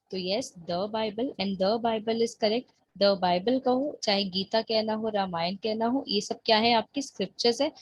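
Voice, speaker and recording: Husky woman teaching English grammar. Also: mid-range voice, dry recording. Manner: patient, explains slowly, checks in with the listener often; reads example sentences very slowly. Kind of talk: explanatory online lesson.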